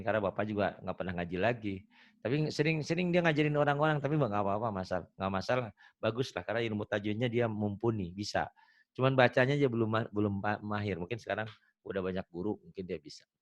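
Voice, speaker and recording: A man's voice: on the low side, muffled recording. A man teaching Quran reading in an online lesson, patient and joking, repeating words for a student to copy. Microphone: video call.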